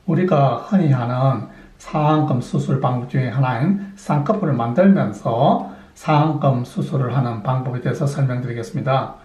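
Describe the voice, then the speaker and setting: A man's voice: mid-range voice, normal speed, few pauses, a little mellow, roomy sound, poor audio. A middle-aged man, a plastic surgeon, explaining surgical methods step by step, asking questions and answering them himself. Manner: methodical, poses and answers his own questions. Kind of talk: explanatory clinic talk.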